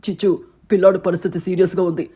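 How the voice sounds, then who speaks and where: A woman voicing a stern, helpful eagle in a cartoon story, firm and lecturing, with a husky voice pitched lower than her own. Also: flat delivery, fast talker, dark tone. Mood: urgent.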